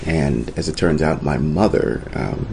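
A middle-aged man speaks low and gravelly, with a dark, mellow tone. He recounts his past thoughtfully as an interview guest, circling back and restarting his sentences. A faint hum of ambience sits behind him. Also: a little slow. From Costa Rica. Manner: thoughtful, storytelling, frequent restarts. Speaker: guest, entrepreneur and author. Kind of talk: reflective interview talk.

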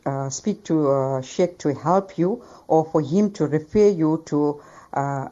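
A low-voiced woman speaks in a recorded voice message played back over the air. Her tone is mellow and earnest as she offers advice, and the sound is dull and lo-fi. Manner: earnest, gives advice with Islamic phrases. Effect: voice message played over the radio. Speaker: listener giving advice. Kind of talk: recorded voice note read out as advice.

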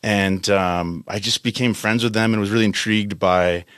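Fairly low-pitched yet fairly bright, this man's voice is clear and resonant, with fairly even intonation and a moderate pace. He's in his late thirties, a Californian who heads a company's operations in a country, chatting casually in a studio interview with an American accent. The sound is dry.

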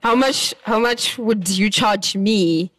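A woman's voice: medium pitch, slow, no room sound, poor audio. A young woman with a Zimbabwean accent co-hosting a casual podcast chat, teasing her co-host and laughing often.

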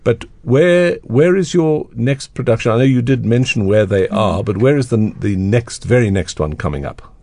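A man hosting a radio interview, asking his guests questions in a relaxed, conversational way. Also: mid-range voice, normal speed, no room sound. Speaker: radio show host.

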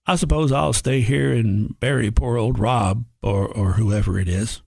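A man's voice: medium pitch, a little slow, vocal fry, a little mellow, slightly rough, no room sound, clean studio sound. A man reading a frontier horror story aloud, voicing the prospectors' dialogue in a folksy drawl. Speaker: narrator.

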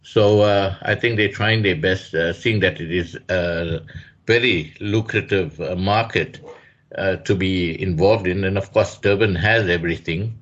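Deep-voiced radio co-host. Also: male voice, fairly bright tone. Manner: measured, hesitant with many fillers. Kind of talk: radio talk show commentary. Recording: dull lo-fi radio sound.

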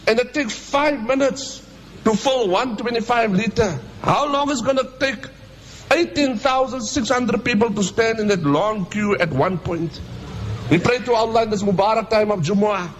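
High-pitched Cape Town man preaching. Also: slight background noise, poor audio. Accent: Cape Town South African. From Cape Town, South Africa. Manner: impassioned, rhetorical questions, addressing listeners directly. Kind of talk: Friday sermon, code-switching, colloquial.

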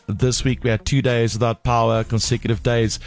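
A man's voice: mid-range voice, level tone, brisk, soft background music. A South African man hosting a radio phone-in, chatting casually and emphatically, switching between English and Afrikaans. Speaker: radio talk show host. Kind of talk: casual bilingual phone-in chat.

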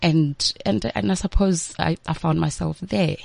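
A woman's voice: on the low side, a little slow, gravelly, a little mellow, no room sound. A South African woman giving chatty, informal interview answers, occasionally mixing in local-language words. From Limpopo, South Africa. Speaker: interview guest, entertainment entrepreneur and MC.

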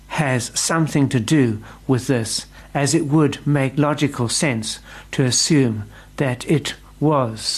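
Man, radio storyteller, steady narration, medium pitch. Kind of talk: scripted radio drama narration.

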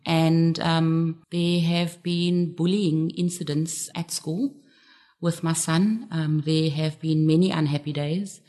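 Casting: woman, middle-aged, lower voice, candid radio guest. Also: steady tone, slow pace, mellow. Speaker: interview guest, parent.

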